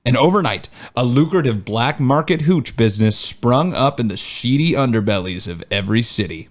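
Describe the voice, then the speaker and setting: A male podcast host at a mid pitch, walking through his researched notes in a loose, conversational way. He fills the gaps with "uh" and wanders into wisecracks before picking the story back up. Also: expressive, normal speed. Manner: chatty, with frequent "uh" and joking asides. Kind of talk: casual chat, reading researched history.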